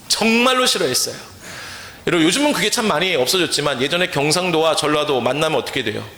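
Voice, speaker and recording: Male pastor, bright, sharp voice, echoing church sanctuary, sermon with call-and-response questions. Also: fairly high pitch, expressive, fast. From Chungcheong, Korea. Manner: asks the congregation questions and leads call-and-response. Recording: echoey church hall.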